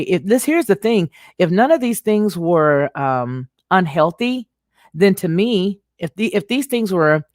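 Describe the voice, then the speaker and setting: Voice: mid-range voice, darkish tone, dry recording, studio quality. A livestream host talking casually, rambling and restarting sentences while reading viewer comments aloud and answering them. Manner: talks back to chat with quick affirmations.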